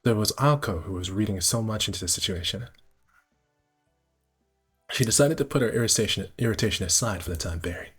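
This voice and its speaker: With soft music in the background, a man reads a visual novel aloud on a stream in a lowish, slightly rough, expressive voice. He goes fairly quickly but leaves long pauses, offering casual commentary in his amateur narration while stumbling over words and rereading phrases.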